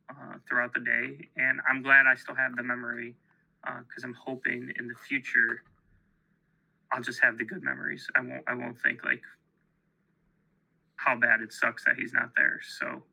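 A man with a gravelly, sharply bright voice talks about grief in a reflective podcast conversation. He searches for his words, pausing and restarting as he goes. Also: mid-range voice, rough recording. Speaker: podcast co-host, bereaved father.

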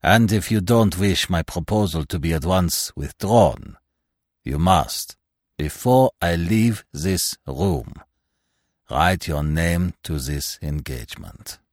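A man's voice: low-pitched, slow pace, darkish tone, dry recording. A man voicing a dry, secretive old stranger. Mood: dry, pressing. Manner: dry, curt, commanding. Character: mysterious stern male stranger, testy and secretive. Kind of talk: audiobook reading of a classic tale.

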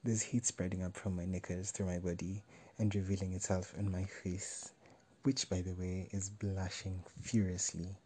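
A man reading a first-person story aloud in a measured, wry way. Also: low voice, flat delivery, dark tone, breathy edge. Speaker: narrator.

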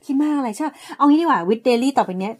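Woman, podcast co-host, slightly high voice, playful, teasing, casual late-night chat. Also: animated. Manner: playful, teasing, quick to joke.

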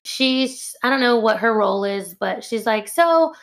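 A young woman chatting as a guest in an interview, telling a lively story, says "like" often and acts out what others said. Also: fairly high pitch, moderate pace, vocal fry. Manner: animated, acts out quoted voices. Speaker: guest, costume pattern maker.

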